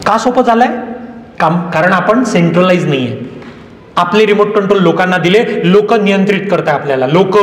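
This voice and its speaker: A man, giving a motivational lecture in an emphatic, dramatic way that repeats phrases and acts out dialogue. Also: sits high. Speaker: motivational speaker. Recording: echoey hall.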